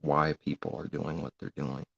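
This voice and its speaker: A man's voice: rumbling low, level tone, moderate pace, creaky, fairly bright tone, slightly rough. A man giving an informal religious monologue, earnest and rambling, on a muffled lo-fi recording. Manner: earnest, rambling, grows heated.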